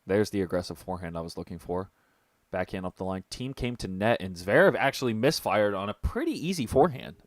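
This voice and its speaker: A young man with a low voice calls a tennis match on his live stream, chatty and easily excited. The sound is close and dry, with no room in it. His casual commentary jumps between play-by-play and asides. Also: brisk, no echo. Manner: chatty, excitable, jokes with people off mic.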